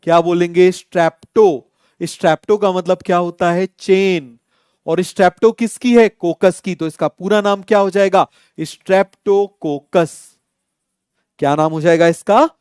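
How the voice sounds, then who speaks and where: A young Indian man teaches biology to exam students, firing the same question again and again until the class answers. His voice sits high, smooth and clear, and it is recorded close and dry with no room around it. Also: steady tone, normal speed, a little mellow, no room sound. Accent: Indian English. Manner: drills students with repeated call-and-answer questions. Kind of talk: online exam-coaching lecture.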